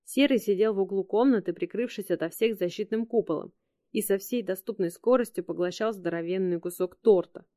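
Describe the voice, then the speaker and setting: Woman narrator with a dark voice. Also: mid-range voice, a little fast, dry recording, studio quality. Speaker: audiobook narrator. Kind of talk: scripted narration.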